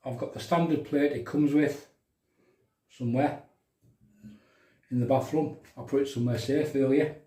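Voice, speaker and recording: This shaving livestream host is a middle-aged man from County Durham, England, bantering casually with viewers while demonstrating in his bathroom. His mellow, medium-pitched voice holds steady at a moderate pace with long pauses. The microphone sits far off, so the room echoes.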